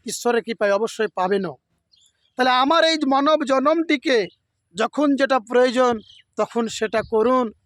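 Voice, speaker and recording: A man's voice: very high-pitched, a little slow, a bit bright, dry recording. A man giving a devotional sermon outdoors beside a rice field, repeating his points and earnestly pleading with his listeners. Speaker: religious preacher. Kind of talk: devotional sermon to a camera audience.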